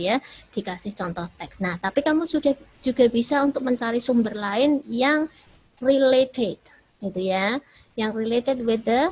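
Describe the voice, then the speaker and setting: An Indonesian woman teacher gives a relaxed lecture, switching easily between explanation and examples. Her voice is gravelly with a husky edge. She keeps the talk loose and conversational, tagging her sentences with little checks. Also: medium pitch, low-quality recording. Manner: chatty, repeats "ya" and "gitu kan" as tags. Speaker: English teacher. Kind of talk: lecture mixing Indonesian and English.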